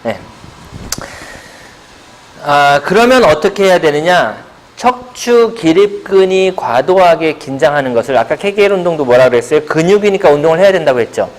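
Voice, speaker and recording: A man's voice: on the high side, expressive, moderate pace. Man lecturing with rhetorical questions. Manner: rhetorical questions, answering himself; playful buzzer sound effects. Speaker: pilates instructor. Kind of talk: seminar lecture with audience questions. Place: seminar room.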